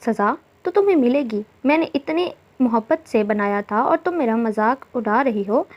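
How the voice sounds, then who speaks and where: A teasing, affectionate young man, as a woman narrator puts him on in a storybook reading. The voice sits a bit high, and the recording sounds dull and lo-fi. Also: lively intonation, moderate pace.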